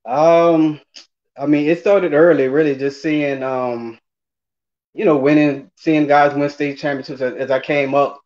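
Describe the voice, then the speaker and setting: A man's voice: a little high, fairly even intonation, unhurried, a little mellow. A man in his forties with a New Orleans accent, chatting casually and hesitantly as an interview guest over a video call. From New Orleans, Louisiana. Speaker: interview guest, former college running back. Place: indoors, remote video call. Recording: dull lo-fi video call audio.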